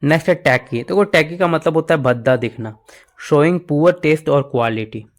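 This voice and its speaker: A man's voice: a little high, moderate pace. Hindi-speaking man teaching words. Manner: explains words in Hindi mixed with English, memory tricks, frequent "ठीक है". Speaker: English vocabulary teacher. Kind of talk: exam-prep vocabulary lesson.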